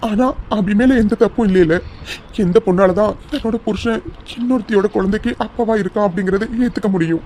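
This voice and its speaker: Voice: mid-range voice, brisk, over music, lightly acted. A distraught young husband from a cartoon serial, played by a voice actor, begging his wife to trust him. His voice sits in a middling range, wet with tears and full of repeated pleas. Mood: pleading. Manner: pleading, tearful, repeats himself. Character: young husband, anguished and pleading.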